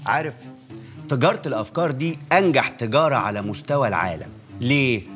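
An actor playing a persuasive swindler with an Egyptian Arabic accent, talking a victim down. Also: male voice, medium pitch, animated, fast talker, a bit bright, faint music behind, close to an everyday voice. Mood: coaxing. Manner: soothing, persuasive. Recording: film score underneath.

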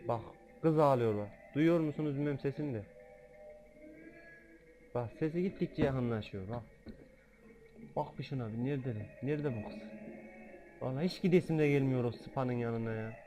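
A man giving let's-play gaming commentary, excitable, joking and swearing freely. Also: mid-range voice, moderate pace, long pauses, faint music behind. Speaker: gamer.

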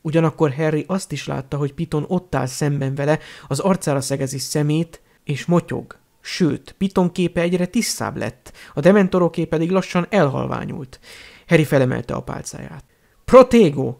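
Gravelly male audiobook narrator. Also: a little high, darkish tone.

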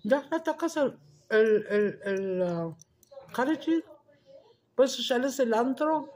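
Expressive and slow, this woman's voice sits on the high side as she cooks and eats on camera in a mukbang vlog. Loud and brash, she curses freely and flips between Spanish and English in her casual chatter.

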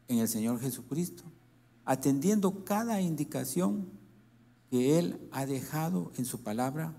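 A man preaching a sermon in Latin American Spanish, reading scripture and speaking in a slow, halting way with restarts. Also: medium pitch, vocal fry, warm tone.

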